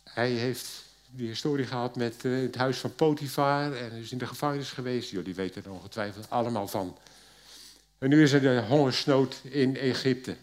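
Lively storytelling male preacher. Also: mid-range voice. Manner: lively storyteller, swings between loud and hushed; pauses with filler hesitations. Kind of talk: sermon retelling a Bible story.

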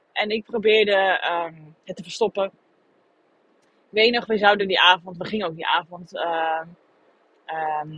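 A woman's voice: medium pitch, a bit bright, breathy edge. A woman hosting a podcast, speaking candidly and thinking aloud in a reflective personal monologue. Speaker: podcast host. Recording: dull lo-fi recording.

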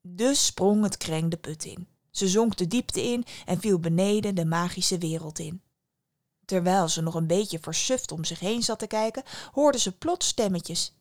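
Female storyteller host, calm and expressive, dry close recording. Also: lowish voice, a little slow, no echo. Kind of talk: fairy-tale storytelling.

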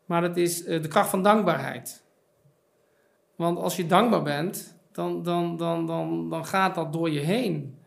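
A man's voice: on the high side, steady tone, unhurried, vocal fry. A middle-aged man, a podcast guest and author, talking reflectively in a casual chat with many fillers and repeated words. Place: podcast studio.

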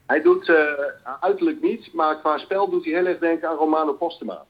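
A man calling into a live football show as an analyst, lively and enthusiastic describing players. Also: on the high side, a little fast, breathy edge. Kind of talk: casual call-in commentary. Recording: dull lo-fi phone line.

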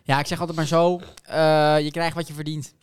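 A man's voice: a little high, level tone, clean tone. Teasing man in casual chat. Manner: teasing, quick replies. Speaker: podcast co-host.

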